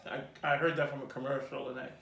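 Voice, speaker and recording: A man in his fifties with a Jamaican accent, telling his life story in a relaxed, rambling interview with many ums. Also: mid-range voice, fast talker, creaky. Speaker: host being interviewed by his daughter. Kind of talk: casual personal interview. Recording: echoey room.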